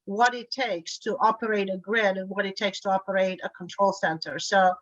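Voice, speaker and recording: A woman's voice: medium pitch, fairly even intonation, normal speed, no room sound, dull audio. A middle-aged woman from Bulgaria, a guest in an interview, speaking fluently but often repeating words as she restarts. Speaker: guest, energy grid board chair. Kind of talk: remote interview conversation.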